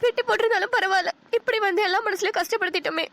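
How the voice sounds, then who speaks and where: A woman voicing a gentle, anxious young bride in a cartoon, speaking softly and pleadingly. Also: very high-pitched, very fast. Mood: worried. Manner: soft, worried, pleading. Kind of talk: cartoon voice acting.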